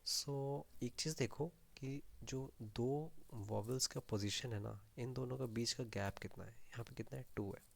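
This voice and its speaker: A man's voice: mid-range voice, a little slow, creaky, few pauses. A man explaining a programming problem aloud, mixing Hindi and English with frequent fillers. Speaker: programming tutor. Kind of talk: screen-share coding explanation.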